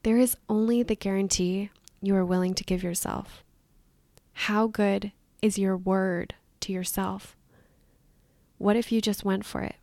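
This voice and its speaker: A woman coaching her podcast listeners in an upbeat, encouraging monologue. Her voice has a gravelly, fry-edged texture. It sits close and dry on the mic with no room around it. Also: medium pitch, fairly even intonation, unhurried, warm tone, no room sound. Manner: upbeat and encouraging, with light laughs. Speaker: podcast host and weight loss coach.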